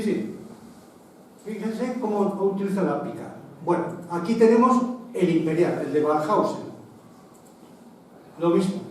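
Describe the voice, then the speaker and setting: Mellow-voiced man lecturing in an echoey hall. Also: on the high side. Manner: conversational, digressive, frequent restarts and asides. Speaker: lecturer on military history. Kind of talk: public lecture with slides. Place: association meeting hall, indoors. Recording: echoey hall, distant mic, faint noise.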